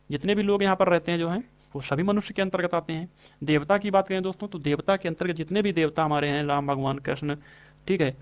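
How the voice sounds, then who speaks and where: A young man with a slightly raised voice walks viewers through grammar practice questions. He repeats key terms slowly and keeps calling his audience friends. The delivery is patient and drawn-out, like a tutor going over answers one by one. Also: on the high side, highs cut off. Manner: repetitive, addresses viewers as friends, stretches out spelled words. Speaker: Hindi grammar teacher. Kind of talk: exam-prep lesson, explaining answers.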